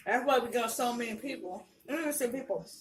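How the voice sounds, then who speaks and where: A woman's voice: fairly high pitch, a little fast. A woman chats casually and frankly between bites of crunchy fried chicken, in a colloquial mukbang style. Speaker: vlogger. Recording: roomy, distant mic, faint noise, clicks.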